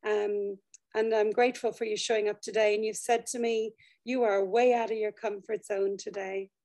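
A woman hosting a conversational interview, with a slightly croaky voice tired from teaching. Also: medium pitch, flat delivery, normal speed, darkish tone. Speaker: podcast host and interviewer.

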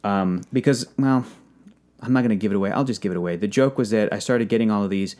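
A man's voice: on the low side, quick pace. Man chatting casually and enthusiastically. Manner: animated storytelling, acts out quotes. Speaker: podcast guest, toy collector.

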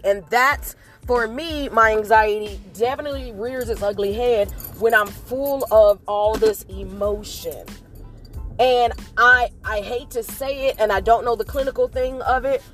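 A woman giving an earnest, casual motivational talk to her viewers, telling a story with animated acted outbursts. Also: a little high. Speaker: motivational vlogger.

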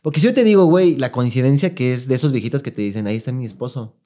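A man's voice: mid-range voice, very fast. Slangy Mexican man telling a story. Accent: Mexican Spanish. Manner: animated, slangy, acts out quoted voices. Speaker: podcast co-host. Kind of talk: casual storytelling chat.

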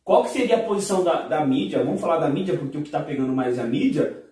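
A man's voice: fairly high pitch, expressive, fast, mellow. A man on a podcast panel, insistently pressing rhetorical questions in a heated roundtable debate. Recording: echoey room, mic at a distance.

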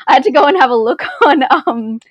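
A woman's voice: high voice, lively intonation, brisk, no room sound, muffled recording. Chatty Australian woman, dry close sound. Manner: chatty and self-deprecating, laughs often. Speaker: film reviewer guest. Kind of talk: casual interview chat.

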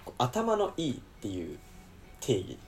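A man from the United States who speaks with a Kansai accent, chatting as a guest on a podcast. His pitch moves a lot as he explains things in a relaxed, plain way, over faint background noise. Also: measured pace. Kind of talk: casual chat.

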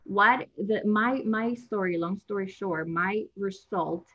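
Faint music plays behind a young Latin American woman, a native Spanish speaker, whose medium-pitched, fairly bright voice moves slowly. As a guest in a casual interview she seems a bit nervous, laughing and restarting sentences, and the lo-fi sound is dull.

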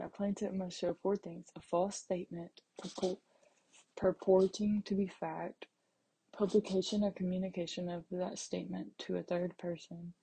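A woman's voice: fairly low pitch, gravelly, dark tone, a little hiss or hum. A young woman hosting her first solo podcast, talking casually and rambling, with self-deprecating asides to her listeners. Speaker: podcast host.

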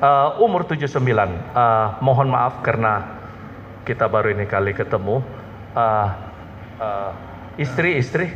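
A man with a Manado Malay accent delivers a joking, animated sermon, tossing questions to the congregation and answering them himself. His voice sits a little high and leaps around in pitch. The sound is dull and lo-fi, with a long hall reverb and a faint hiss behind it. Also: moderate pace, pauses often. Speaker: pastor. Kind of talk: humorous sermon with call-and-response. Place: church hall.

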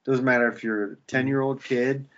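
A man's voice: mid-range voice, fairly even intonation, fairly quick, a bit bright, dull audio. A man co-hosting a podcast in casual chat, joking and swearing bluntly. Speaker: podcast co-host.

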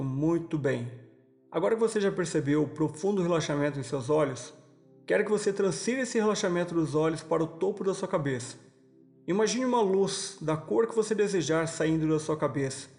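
A Brazilian man narrating a guided hypnosis relaxation like a sleep story, giving soothing, slow instructions with pauses. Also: high voice, darkish tone. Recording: voice over background music. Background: music.

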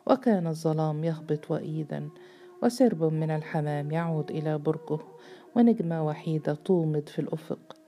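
A woman narrating a novel aloud in a measured, steady storytelling voice. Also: low-pitched.

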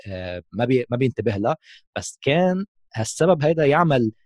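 A man's voice: medium pitch, sing-song, fast, a little mellow, no echo, highs cut off. A man with a Levantine Arabic accent giving a casual explanatory tech talk as a gaming host, mixing in English terms.

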